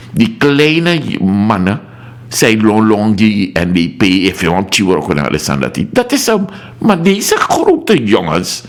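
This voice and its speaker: A man with a Surinamese Dutch accent hosting a political call-in radio talk show, emphatic and reading out listener messages. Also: low-pitched.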